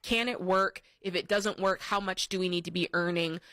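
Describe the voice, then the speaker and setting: Woman, radio co-host, direct probing questions, lowish voice, dry studio. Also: steady tone, moderate pace, a bit bright, dry recording. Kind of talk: call-in advice talk.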